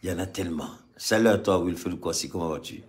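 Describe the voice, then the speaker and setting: With a low-pitched voice and quick delivery, a man from Mali makes fervent political remarks to a live audience. He repeats phrases for emphasis and swings from loud to soft.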